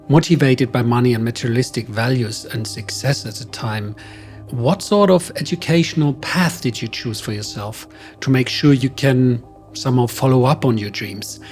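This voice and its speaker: A man's voice: medium pitch, darkish tone. A man with a German accent hosting a podcast interview, asking questions in an earnest, effusive way. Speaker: podcast host.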